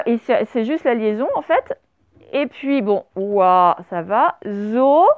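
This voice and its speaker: A woman teaching a primary class, dictating words slowly and spelling them out letter by letter. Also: high-pitched, clean tone, no echo. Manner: slow, over-articulated dictation of words.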